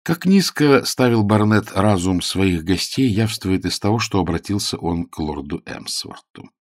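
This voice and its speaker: A man narrating an audiobook in a wry, measured storytelling manner. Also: sits low, expressive, no room sound, clean studio sound. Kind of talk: scripted narration.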